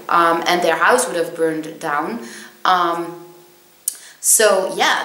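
A young woman chats straight into her webcam in a small room, with lots of ums and little self-mocking laughs. Her voice sits at a middle pitch. The room around her adds a noticeable echo. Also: a bit bright. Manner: chatty, many ums, laughs at herself. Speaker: vlogger. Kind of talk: casual storytelling to camera. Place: small indoor room with plain wall. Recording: echoey room.

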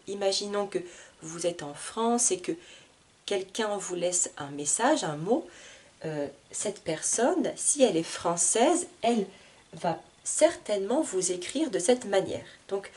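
A woman teaching French reading, saying the syllables slowly and clearly for learners to repeat. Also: medium pitch, darkish tone. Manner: slow, clearly spoken syllables with long pauses. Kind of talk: slow reading lesson for learners.

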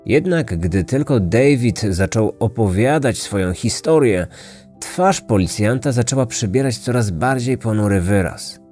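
A man reading a scripted true-crime story in a measured, dramatic way. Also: fairly low pitch, animated, darkish tone, faint music behind. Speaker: podcast narrator.

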